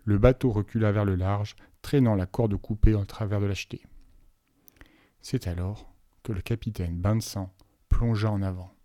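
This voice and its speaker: A man narrating a novel aloud as an audiobook reader, telling the story in an even, measured way. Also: fairly low pitch, no room sound, studio quality.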